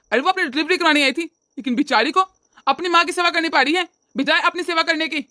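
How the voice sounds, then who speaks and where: A woman's voice: high voice, sharp tone, no room sound, clean studio sound. A woman voicing a stern older father in a cartoon, lecturing his wife and daughter reproachfully. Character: stern scolding older father-in-law, man. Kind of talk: cartoon voice acting.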